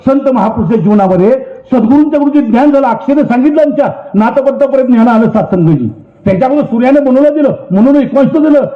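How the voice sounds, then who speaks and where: A man delivers an emphatic devotional sermon, pressing his points with insistent repetition. His voice sits very high for a man. It rings around a roomy hall and comes through a dull, muffled recording. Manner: emphatic, preaching with rising and falling intensity. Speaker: preacher. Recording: roomy, dull low-fidelity sound.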